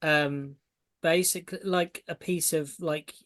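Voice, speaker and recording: A man with a fairly high-pitched voice runs a tabletop role-playing game. He narrates scenes as game master, descriptively and haltingly, building each image piece by piece. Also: fairly even intonation, a bit bright.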